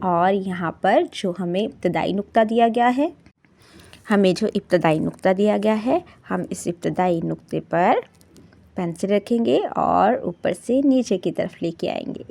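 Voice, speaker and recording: Slow-paced woman teaching young children. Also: mid-range voice, gravelly, mellow. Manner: slow, drawn-out sounding of letters and words. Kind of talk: children's lesson narration.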